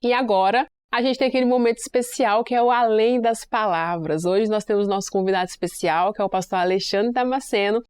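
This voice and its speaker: Smooth-voiced Brazilian woman host. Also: medium pitch, a little fast, few pauses, darkish tone. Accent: Brazilian Portuguese. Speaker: program host.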